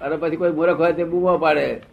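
A man's voice: on the high side, steady tone, quick pace, gravelly, crowd noise. A man giving a spiritual discourse, often stopping to ask his listeners whether they have understood. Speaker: spiritual teacher. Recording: dull lo-fi old recording with faint hiss.

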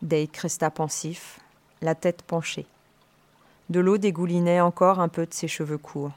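A woman reading a novel aloud in steady, measured storytelling. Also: on the low side. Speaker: reader.

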